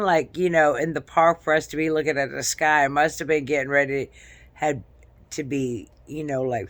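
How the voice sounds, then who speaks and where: Rambling, slow, dry-voiced storyteller. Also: mid-range voice, no room sound. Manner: rambling, repetitive, keeps checking in with "okay?" and "right?". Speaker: vlogger. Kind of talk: casual dream retelling.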